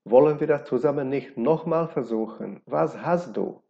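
A man's voice: medium pitch, moderate pace, gravelly, warm tone, close to an everyday voice. A man reading as an anxious older wife. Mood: gentle. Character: older married pregnant woman, anxious and pleading. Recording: dull lo-fi recording.

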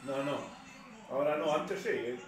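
A man's voice: a little high, normal speed. A middle-aged man, the streamer's father, chatting casually with dry, offhand remarks. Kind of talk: casual chat. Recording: distant, echoey room with match crowd noise.

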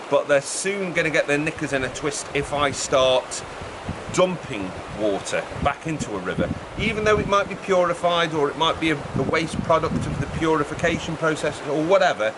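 A middle-aged man, talking casually to camera in a raised, projected voice as he explains a project. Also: a little high. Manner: chatty, raised voice projected over background noise. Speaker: vlogger presenting a build project. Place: outdoors beside a fast-flowing river. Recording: outdoor recording with rushing river noise.

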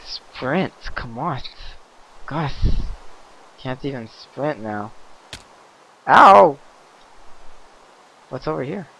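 A man giving casual let's-play commentary, chatty and easily excited, yelping and laughing at mishaps. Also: mid-range voice, takes it slowly, breathy edge, muffled recording. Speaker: gaming commentator.

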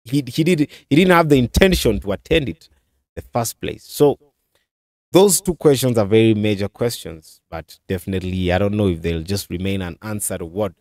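A man's voice: fairly low pitch, expressive, moderate pace, darkish tone, dry recording. A man in his thirties hosting a commentary show, talking casually with many fillers and restarts into a desk mic in a small studio. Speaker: commentary channel host. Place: small indoor studio with curtain backdrop. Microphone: desk mic on a stand.

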